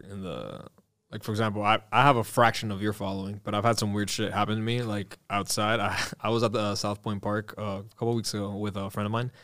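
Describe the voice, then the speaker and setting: A man with a Miami accent hosts a casual podcast in a lowish, smooth, clear voice. He is laid-back, swears freely and mixes Spanish phrases into his English. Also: a bit bright. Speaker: podcast host.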